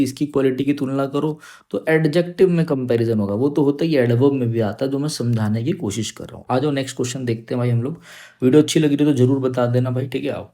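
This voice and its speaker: A male English teacher with a gravelly, warm, mid-range voice gives an exam-prep grammar lesson in an online class video. He keeps repeating "समझो बात को" and "ठीक है" and reads example sentences slowly.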